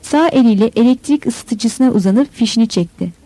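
Woman, audiobook narrator, steady reading, slightly high voice, dry sound. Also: normal speed, no echo, poor audio. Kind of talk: scripted narration.

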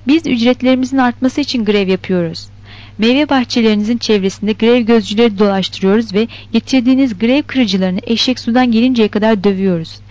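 A woman's voice: a little high, brisk, darkish tone, lightly acted. A woman reading the lines of a tough male strike leader in a novel, blunt and defiant. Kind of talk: scripted narration of a novel. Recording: dull lo-fi recording.

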